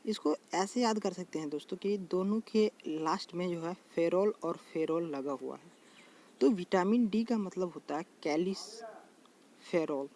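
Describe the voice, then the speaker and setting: A man's voice: sits high, darkish tone. A man explaining a general knowledge lesson in a casual, repetitive way, often calling out to his viewers as friends. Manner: addresses viewers as friends, repeats terms slowly. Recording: faint background noise.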